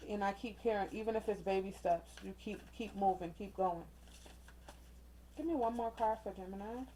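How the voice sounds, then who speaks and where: A woman's voice: medium pitch, moderate pace, mellow, a little hiss or hum, rough recording. A woman doing a casual oracle card reading, chatty and encouraging, speaking straight to her viewers with slang and frequent "okay?" check-ins. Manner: chatty and encouraging, uses slang and mild cussing substitutes. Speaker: tarot reader. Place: indoors with a ring light.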